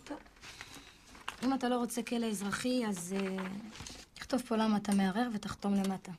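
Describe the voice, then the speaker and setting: Woman doing a businesslike military officer, mid-pitched voice, brisk, matter-of-fact. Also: a little mellow, slight background noise, close to an everyday voice. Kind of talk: film drama acting.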